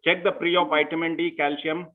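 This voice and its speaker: This surgeon has a fairly high voice with little pitch movement and talks at a normal speed. His medical lecture at a conference is methodical and sprinkled with "you know." The sound is thin and phone-like, coming from a remote call line.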